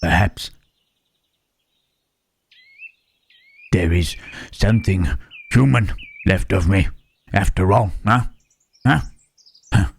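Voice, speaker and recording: A man voicing a gentle, melancholy monster in an ASMR roleplay, speaking haltingly and pensively in formal phrases with questioning hums. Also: heavily acted. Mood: pensive, hesitant. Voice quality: low, husky. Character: gentle, melancholy Frankenstein's monster, male, pondering his soul.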